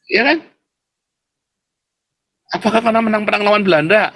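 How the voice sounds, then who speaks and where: A man's voice: high-pitched, normal speed, creaky, a bit bright. A man hosting a livestream, talking straight to his viewers in a mocking, provocative way and laughing scornfully. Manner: mocking, provocative, keeps addressing viewers directly. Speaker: livestream host. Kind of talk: livestream commentary.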